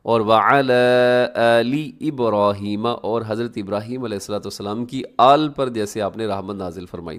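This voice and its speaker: A man teaching how to recite prayers, explaining fast and then chanting the words slowly and drawn out. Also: lowish voice. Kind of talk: religious lesson on prayer recitation.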